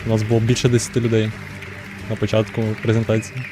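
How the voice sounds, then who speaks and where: A man's voice: fairly low pitch, monotone, fast talker, music in the background. A man with a Ukrainian accent giving offhand, mumbling live commentary over a stream. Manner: offhand, mumbling, swears casually.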